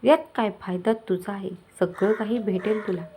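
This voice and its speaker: A woman's voice: mid-range voice, steady tone, moderate pace, dark tone, slight background noise, close to an everyday voice. A woman voicing a scheming, lecherous middle-aged village moneylender who talks in a coaxing, menacing way. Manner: coaxing, menacing, falsely kind.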